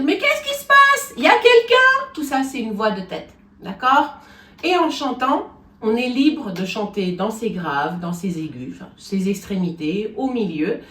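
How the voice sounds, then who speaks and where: A woman vocal coach gives a singing lesson, explaining things step by step and often checking in with her students. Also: medium pitch. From France. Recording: echoey room, from a distance.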